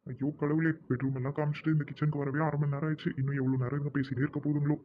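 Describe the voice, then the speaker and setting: Cartoon: man voicing a fed-up caretaker, rapid exasperated grumbling, tinny phone-like sound. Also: on the high side, level tone, lightly acted. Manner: exasperated, sighing complaints. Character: weary grumbling male flat caretaker.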